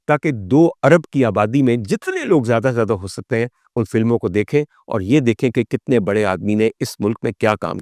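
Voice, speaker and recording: A vlog host with a Pakistani accent tells the story of film history in a monologue, his delivery theatrical and formal, full of rhetorical questions and direct addresses to the audience, with English phrases mixed in. His mid-range voice sounds a little mellow. The studio-quality recording has no room sound.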